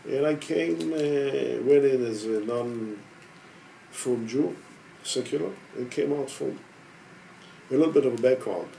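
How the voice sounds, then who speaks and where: A man in his sixties from Israel, an organization head telling his personal story in a measured, hesitant way with frequent pauses. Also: medium pitch, vocal fry, dark tone, slight background noise, rough recording. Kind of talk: personal testimony.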